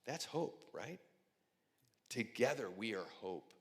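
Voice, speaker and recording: A man's voice: on the low side, animated, slow. A man who is a pastor, telling earnest, emotional stories to a room at a breakfast event. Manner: earnest storyteller, quiet and emotional at times. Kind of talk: heartfelt speech at a breakfast event. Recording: long hall reverb.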